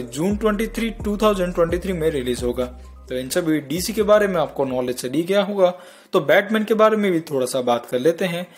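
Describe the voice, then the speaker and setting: A man hosting a casual comic news roundup in speech, chatty and joking, talking straight to his viewers. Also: high-pitched. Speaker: entertainment news host. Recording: faint music behind.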